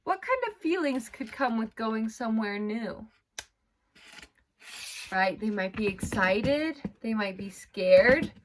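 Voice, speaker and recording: Slight background noise accompanies a woman's somewhat high voice as she runs a read-aloud lesson. She's an elementary school teacher, using simple phrases and questions to guide her young pupils.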